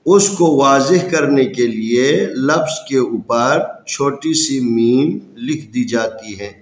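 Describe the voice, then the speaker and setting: A man with a Pakistani Urdu accent, teaching Quran reading in a slow lesson where he spells out letters and vowel marks one by one. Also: mid-range voice, reverberant.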